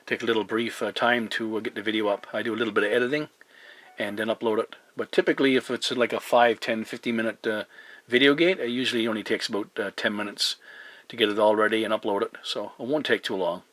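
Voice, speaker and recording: Talking fast with a steady tone, a Newfoundland CB operator with a lowish, fairly bright voice makes casual radio contact using procedure words. He is hesitant and polite, spelling in the phonetic alphabet. There is no room sound as a camera aimed at the radio records this video maker at his home radio desk.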